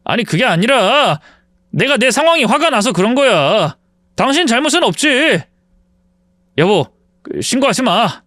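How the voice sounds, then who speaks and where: A reader doing a pathetic blustering ex-husband. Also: male voice, extremely high pitch, lively intonation, moderate pace, fairly bright tone, no echo, clean studio sound, pitched above the performer's own voice. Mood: pleading. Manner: gruff, pleading, blustering. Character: pathetic indebted ex-husband, whiny then blustering.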